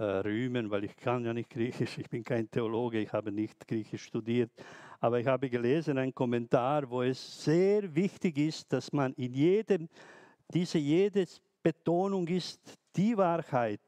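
Slow, halting non-native preacher man. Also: medium pitch, dark tone, dry recording. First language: not German. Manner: slow, halting, with many restarts and hesitations. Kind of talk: sermon.

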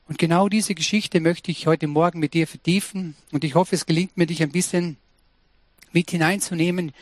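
A man's voice: on the high side, no echo. A man preaching a sermon, earnest and personal, speaking directly to his listeners. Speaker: pastor.

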